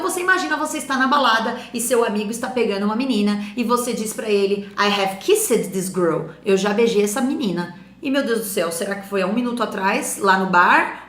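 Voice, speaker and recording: A Brazilian woman with a Brazilian Portuguese accent, an English teacher giving an animated, emphatic lesson and slowing down to model English phrases. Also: a little high, echoey room. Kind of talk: lively classroom explanation.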